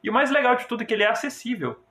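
A man's voice: very high voice, expressive, rapid-fire, pushed and bright, reverberant. A man with a Brazilian Portuguese accent explaining things in casual conversation as a podcast co-host.

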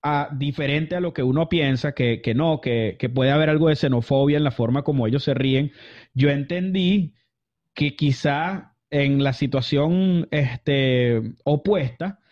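On dull lo-fi audio, a man from Venezuela chats through stories as an interview guest, rambling casually with many fillers and restarts. His voice is on the high side with a darkish tone, and he keeps a measured pace.

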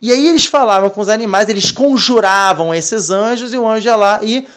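A man giving a casual, animated Torah lesson, expressive and full of Hebrew terms. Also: high-pitched, a little fast. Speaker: Torah teacher.

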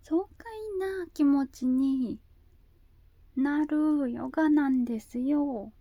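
A woman talking casually and haltingly in a cutesy anime-girl voice, often repeating herself as she searches for words. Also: sits high, mellow, dry recording, studio quality. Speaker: video host. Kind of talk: slow casual monologue.

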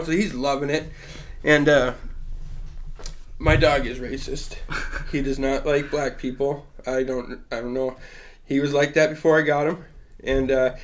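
Young guy, fairly high-pitched, loose casual storyteller who laughs a lot and swears freely. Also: fairly bright tone, a little hiss or hum. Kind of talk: casual chat.

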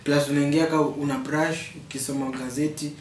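A young man with a Kenyan accent and a somewhat high voice argues casually, mixing Swahili and English slang. He sounds off the mic in an echoey room with a faint noise behind him. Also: flat delivery, fairly quick, a little mellow, recorded from a distance. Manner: slangy, switches between Swahili and English, debating. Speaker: podcast co-host. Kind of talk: casual chat.

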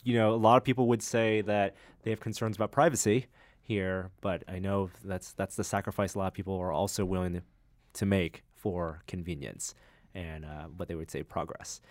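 A man's voice: deep voice, little pitch movement, brisk, dry recording. A man hosting a casual tech podcast, chatting about hardware news and reading a sponsor ad. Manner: reads sponsor ads between chat, with fillers. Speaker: podcast host.

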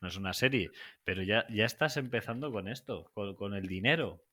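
A man chats and teases his co-host. His voice sits fairly low but sounds bright and forceful. He wanders through long, joking anecdotes. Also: a little fast. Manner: teasing, rambling storyteller. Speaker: podcast co-host. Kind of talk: casual chat.

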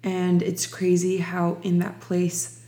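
A woman's voice: lowish voice, completely flat delivery, dark tone. A young woman from Ukraine sharing her personal faith testimony in an interview, reflective and full of restarts. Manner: slow, reflective, many restarts.

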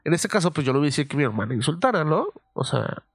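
A young man with a Mexican accent, telling a story casually on his podcast, swearing freely and filling pauses with "eh". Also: a little high, very animated, husky, no room sound, studio quality. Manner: profane, loose, full of fillers. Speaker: podcast host.

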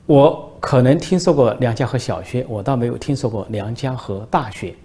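A man's voice: medium pitch, moderate pace, warm tone, lightly acted. A man doing a preachy customs officer. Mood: questioning, lecturing. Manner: lecturing, incredulous questioning. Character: stern, preachy middle-aged male customs officer.

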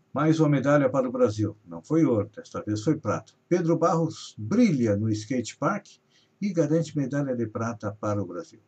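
On dull lo-fi audio, a news host from Brazil delivers regional headlines and stories on a live show, building emphasis as he goes. He speaks at medium pitch with a slightly mellow, husky sound.

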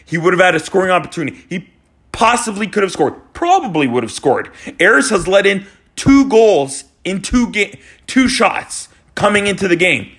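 Guy in his 40s ranting about his team losing, high sharp voice, yells now and then. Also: lively intonation, normal speed, slightly rough. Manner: exasperated, ranting, sometimes shouting. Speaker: hockey fan vlogger. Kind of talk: post-game fan rant.

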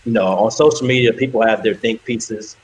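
A man's voice: fairly low pitch, fairly quick, low-quality recording. A man on a casual podcast introducing a topic hesitantly, full of "you know". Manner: hesitant, lots of fillers. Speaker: co-host.

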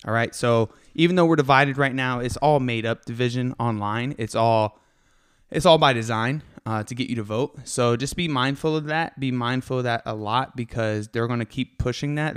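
A man's voice: medium pitch, fairly quick, clean tone. A young man hosting a casual faith podcast, hyped and a little out of breath, rambling with lots of fillers. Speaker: podcast host.

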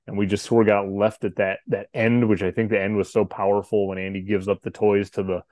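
A man in his thirties co-hosting a podcast, thinking out loud in casual chat. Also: lowish voice, level tone, brisk, no echo, studio quality. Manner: thoughtful, hesitant, restarts sentences. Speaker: podcast co-host.

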